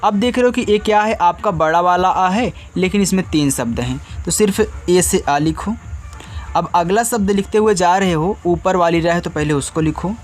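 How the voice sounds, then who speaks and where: Man slowly spelling words out for kids. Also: high voice. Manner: patient, repeats each letter slowly for children. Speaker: teacher. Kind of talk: step-by-step spelling lesson.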